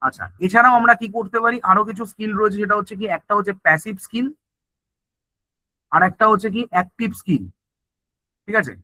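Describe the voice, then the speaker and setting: A man's voice: sits high, fast, long pauses, sharp tone, no room sound, low-quality recording. A male teacher giving an online exam-prep lecture, often asking and answering his own questions and checking in with "okay?". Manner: mixes English terms into Bengali, repeats "ঠিক আছে?" often.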